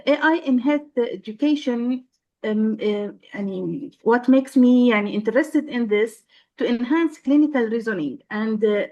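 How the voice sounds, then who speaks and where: A woman from Syria, a nursing professor, speaking on a video call and pausing often with fillers and restarts. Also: on the high side, a little mellow, dull audio. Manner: halting, many fillers and restarts. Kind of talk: casual panel chat.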